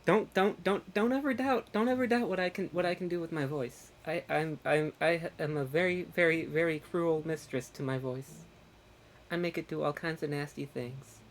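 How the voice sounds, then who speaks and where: A woman live-streaming a game, animated and joking, often scolding chat and stumbling over repeated words. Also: low voice, moderate pace, slight background noise. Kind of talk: casual live-stream chat while playing.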